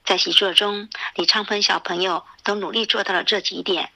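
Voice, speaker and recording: A woman teacher giving scripted commentary in a formal, measured and instructive manner. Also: medium pitch, fairly even intonation, gravelly, sharp tone, rough recording.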